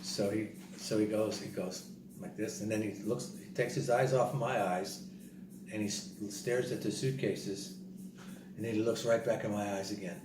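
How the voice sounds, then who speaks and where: A man telling a casual story in an animated way, repeating himself and acting out what other people said. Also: fairly low pitch, normal speed. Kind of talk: casual spoken travel story. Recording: roomy, distant mic, noisy background.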